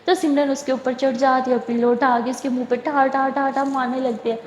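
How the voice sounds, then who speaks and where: A woman's voice: high voice, level tone, slight background noise. A woman telling a love story in a casual, chatty way with the filler "نا", recorded in an echoey room. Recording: echoey room with long reverb.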